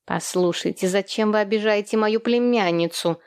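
A woman's voice: mid-range voice, normal speed, a little mellow, clear, resonant tone, dry recording, clean studio sound, natural voice. A woman voicing a protective older aunt who earnestly defends her niece.

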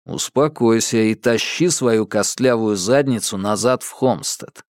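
A man voicing a calm, menacing young leader. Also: measured pace, no echo, clean studio sound. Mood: calm, firm. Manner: calm, low and steady.

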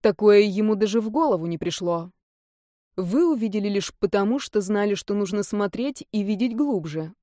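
A woman reading the part of a composed aristocratic male academy rector who speaks in a calm, matter-of-fact way. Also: medium pitch, moderate pace, no echo, studio quality, close to an everyday voice.

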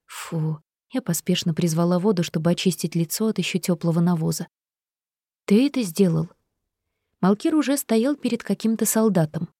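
A woman reading first-person audiobook narration in an even, steady storytelling manner. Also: lowish voice, fast, few pauses, no echo, studio quality.

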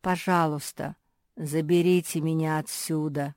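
A woman's voice: deep voice, fairly even intonation, measured pace, darkish tone, no room sound, clean studio sound. A woman voicing a tired, resigned male heap of rags in a children's story. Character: weary male rag heap, resigned outcast.

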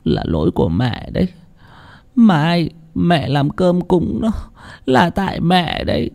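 A man voicing a middle-aged village mother, high-pitched and tearful. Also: huge pitch swings, slow, vocal fry, a little mellow, exaggerated voice. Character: weeping middle-aged village mother, frantic and guilt-stricken.

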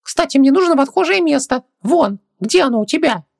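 A man voicing a small, excitable male djinn servant who chatters in a squeaky, eager, fussy way. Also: a little fast, gravelly, exaggerated voice.

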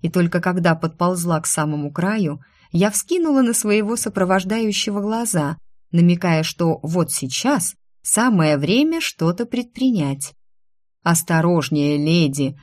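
A woman narrating a first-person fantasy story in a lively, wry, expressive way. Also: on the low side, measured pace, dry recording. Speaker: audiobook narrator.

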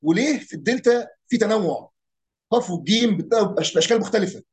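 Fast-talking Egyptian man explaining dialects. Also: high-pitched. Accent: Egyptian Arabic. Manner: animated, imitates regional pronunciations, rhetorical questions. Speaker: speaker on Arabic dialects and folk heritage. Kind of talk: casual explanatory talk.

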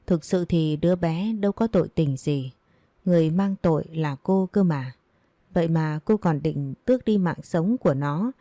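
Low-voiced woman narrating a dramatic story. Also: dark tone, dry recording.

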